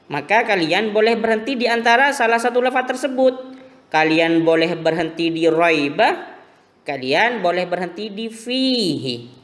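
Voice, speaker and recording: A man teaching a recorded religion lesson to primary school pupils, explaining slowly and patiently. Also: sits high, lively intonation, fairly bright tone, big-room sound. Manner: slow, patient explaining to children.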